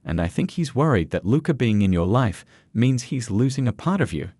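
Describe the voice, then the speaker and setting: A man reading the lines of a gentle young woman who speaks softly and kindly. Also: medium pitch, big pitch swings, brisk, husky, dry recording. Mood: soft sympathetic. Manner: soft, sympathetic. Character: gentle young woman, caring daughter-in-law.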